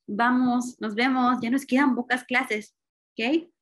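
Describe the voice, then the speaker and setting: A woman's voice: fairly high pitch, steady tone, takes it slowly, fairly bright tone. A woman with a Mexican Spanish accent closing an online class with an affectionate farewell. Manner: affectionate, reassuring. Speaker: computer teacher. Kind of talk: class sign-off.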